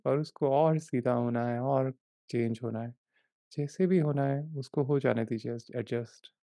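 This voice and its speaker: Gentle and unhurried, this man, a life coach and meditation guide, repeats short instructions with long pauses as he leads a guided meditation. His voice is medium-pitched and creaky, with no room sound.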